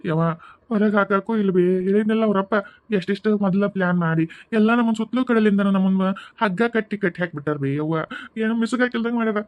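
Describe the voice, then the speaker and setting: A man's voice: sits high, quick pace, no echo, narrow, tinny audio, lightly acted. A man voicing a helpless, pleading young husband in a cartoon, with a North Karnataka Kannada accent. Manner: pleading, whining.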